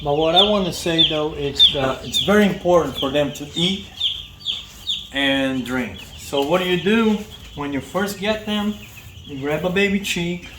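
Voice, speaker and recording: A man's voice: fairly high pitch, unhurried, heavy background noise. Chatty man explaining chick care outdoors. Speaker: vlog host. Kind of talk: casual how-to explanation.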